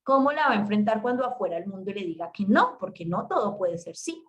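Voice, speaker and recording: A woman leads a talk for parents, her delivery animated and emphatic. Her voice sits in an ordinary middle pitch, and she often turns to address the listeners directly. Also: brisk, highs cut off. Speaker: parenting educator.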